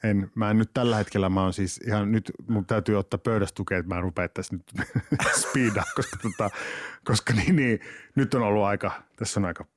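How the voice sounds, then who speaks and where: A man's voice: fairly low pitch, no echo. Laughing, rambling man on a dry mic. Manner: rambling, laughs often, many restarts. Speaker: guest, actor and writer. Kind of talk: casual chat.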